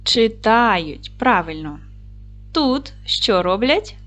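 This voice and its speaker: A woman teaching a recorded lesson for young children, speaking clearly and slowly with encouraging praise. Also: on the high side, animated, fairly bright tone, dull audio. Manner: clear, slow, encouraging classroom delivery. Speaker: primary school teacher.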